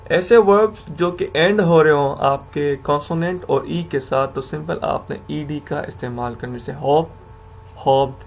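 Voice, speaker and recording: A man's voice: fairly high pitch, vocal fry, a little mellow. A man teaching English grammar to learners, patiently explaining rules, repeating examples and correcting himself as he goes.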